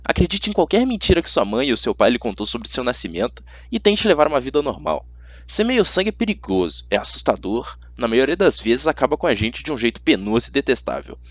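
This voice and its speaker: An amateur audiobook reader with a Brazilian accent works through a first-person youth fantasy novel, his storytelling expressive and casual. He speaks at a medium pitch and a little fast, in a recording with no room sound and clipped highs.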